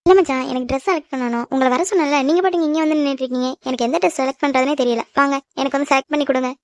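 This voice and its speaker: A woman's voice: high voice, fairly even intonation, racing, no echo, clean studio sound. A woman with a Tamil accent voicing cartoon characters, scolding and teasing. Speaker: voice actor in a cartoon. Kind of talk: animated cartoon dub acting.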